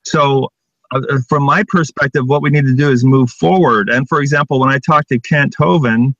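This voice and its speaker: Middle-aged man, even and point-by-point, on a dull, dry video call. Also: mid-range voice, normal speed, no room sound. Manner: steady, point-by-point arguing. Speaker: atheist debater. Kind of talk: casual debate.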